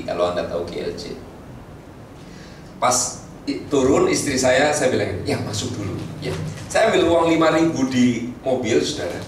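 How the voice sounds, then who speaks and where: A middle-aged pastor from Tegal, telling stories in a chatty sermon and speaking to the congregation. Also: male voice, mid-range voice, distant mic, slight background noise. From Tegal, Central Java. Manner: storytelling, lively, chatty asides to the congregation. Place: church hall. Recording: echoey hall, mic from afar.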